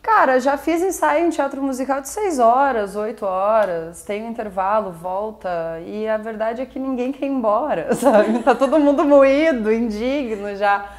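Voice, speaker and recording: A woman's voice: fairly high pitch, normal speed, few pauses. A young Brazilian woman, a musical theatre performer, chatting casually as an interview guest and often ending her points with little tag questions. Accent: Brazilian Portuguese.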